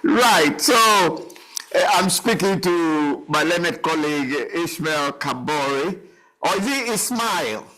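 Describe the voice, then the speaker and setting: A man's voice: a little high, animated, slow pace, pushed and bright, poor audio. A man hosting a television talk show, interviewing a guest in a rambling, chatty way with frequent laughs. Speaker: TV show host.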